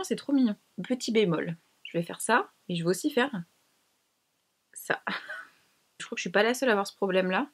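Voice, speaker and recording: A young woman chatting casually to camera as she tests makeup, slangy and self-mocking. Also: mid-range voice. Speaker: beauty vlogger. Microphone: camera mic.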